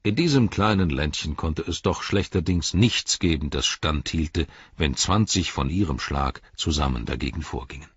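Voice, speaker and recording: A man reading an audiobook in steady, even scripted narration. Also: rumbling low, moderate pace, hardly any pauses, husky, dry recording. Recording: dry, slightly dull studio sound.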